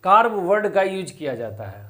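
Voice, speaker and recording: High-voiced teacher quizzing students. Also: male voice, big pitch swings, fairly quick, pushed and bright. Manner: repeats questions to students, counts aloud. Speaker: chemistry teacher. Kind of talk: explaining on a whiteboard.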